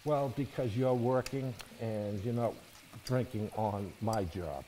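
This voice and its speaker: Here the chef, a middle-aged man, speaks slowly in a mellow, medium-pitched voice, with a little hiss or hum marking the rough recording. He's cooking on an indoor studio kitchen set, explaining each stage and often adding "okay?" or "all right?".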